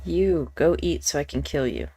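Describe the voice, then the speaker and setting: A woman's voice: low-pitched, normal speed, dark tone, slightly rough. A woman live streamer chatting casually while gaming, swearing freely and exasperated with the game.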